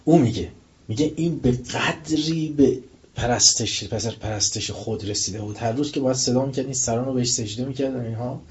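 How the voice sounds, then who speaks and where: Man, religious lecture, storytelling, slow recited verses, muffled lo-fi sound. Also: medium pitch, a little mellow. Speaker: preacher. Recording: dull lo-fi recording.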